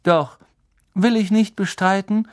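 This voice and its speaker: A man reading an audiobook, voicing a middle-aged male teacher who speaks with measured, tense restraint. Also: high voice, steady tone, voice pushed up.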